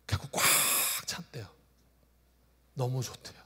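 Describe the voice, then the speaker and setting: Inside a church sanctuary, a pastor in his forties tells stories during his sermon at a measured pace, moving from loud outbursts to quiet asides.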